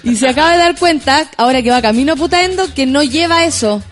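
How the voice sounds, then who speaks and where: Chatty high-voiced Chilean woman radio host. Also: lively intonation, fast talker, faint music behind. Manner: chatty, playful, laughs often. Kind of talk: casual radio chat reading listener messages.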